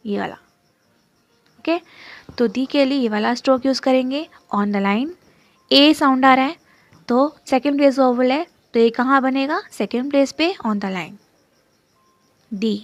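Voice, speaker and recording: In a dry recording, a woman whose voice is on the high side teaches shorthand as she writes. She moves step by step, repeats terms with patience, and checks in with "okay?"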